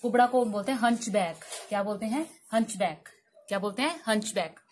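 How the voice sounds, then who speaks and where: A woman's voice: mid-range voice, fairly quick, a little hiss or hum. A woman teaching English vocabulary in Hindi, asking each word as a question and answering it herself.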